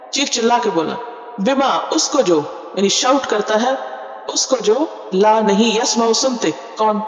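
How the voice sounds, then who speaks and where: A woman Quran teacher giving a word-by-word tafseer lesson. She explains terms patiently, adds English glosses, and keeps asking her listeners questions that she then answers herself. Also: medium pitch. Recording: echoey hall, dull lo-fi sound.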